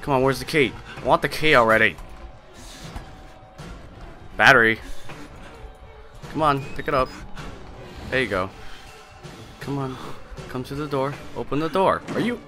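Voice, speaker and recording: A man hosting a horror game let's play, talking hesitantly with many fillers and often dropping to a hushed mutter. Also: medium pitch, lively intonation, a little slow, long pauses, faint music behind.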